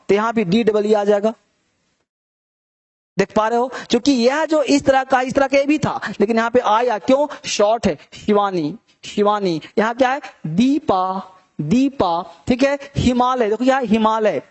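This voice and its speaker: High-voiced man teaching English spelling. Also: lively intonation. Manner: mixes Hindi with English phrases, calls students "beta"; repeats words slowly, drawing out sounds. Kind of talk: classroom spelling lesson.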